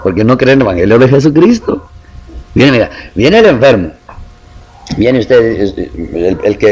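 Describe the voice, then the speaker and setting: A man preaching a sermon, swinging from low murmurs up to high shouted appeals and acting out the voices of doubting believers. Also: husky.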